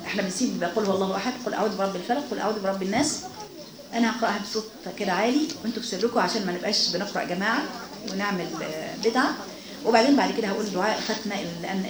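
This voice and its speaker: A woman's voice: medium pitch, very fast, crowd noise. A woman with an Egyptian Arabic accent teaching a religious lesson to a circle of women, speaking emphatically and exhorting them. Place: hall with a seated group of women. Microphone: microphone. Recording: roomy, noisy room sound.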